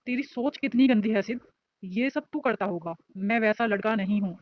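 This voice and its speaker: A woman's voice: mid-range voice, normal speed, no room sound, dull audio, lightly acted. A woman voicing a shy, lovestruck young male student who talks earnestly and defensively.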